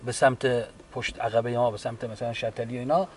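A man's voice: mid-range voice, fairly even intonation, a little mellow, slight background noise. Man recalling his wartime wounds, far from mic. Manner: halting, unhurried retelling with restarts. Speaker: wounded war veteran. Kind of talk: personal war testimony. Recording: distant mic with faint background ambience.

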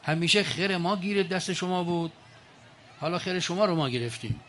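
A man's voice: high voice, expressive, a bit bright, slight background noise. An older man speaking to an audience in a colloquial storytelling manner, with mocking asides.

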